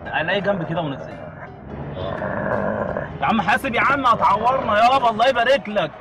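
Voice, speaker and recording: A man with an Egyptian accent pleads in a baffled rush, very fast and high-pitched, from a taxi seat. Loud music plays under his voice. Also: big pitch swings. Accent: Egyptian Arabic. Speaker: passenger. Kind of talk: reacting in a prank. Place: inside a taxi.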